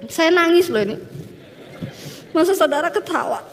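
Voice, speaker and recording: Woman pastor, high voice, emotional testimony sermon, hall reverb with faint music behind. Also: animated, moderate pace. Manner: emotional testimony with audience banter.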